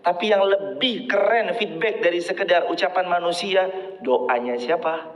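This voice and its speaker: A man giving a relaxed sermon who acts out quoted everyday speech and chants Arabic verses. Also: sits high, normal speed. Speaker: preacher. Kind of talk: casual sermon. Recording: echoey hall, dull lo-fi sound.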